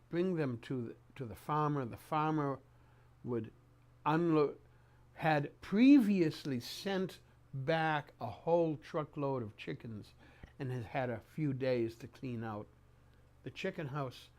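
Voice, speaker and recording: An older man reminiscing in an oral-history interview, speaking haltingly with repeated words and pauses mid-sentence. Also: mid-range voice, a little mellow. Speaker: interviewee recounting memories.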